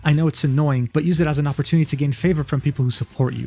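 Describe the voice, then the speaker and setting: A man narrating a commentary video on online drama, reading out messages in a brisk, wry way. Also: fairly high pitch, steady tone, dark tone.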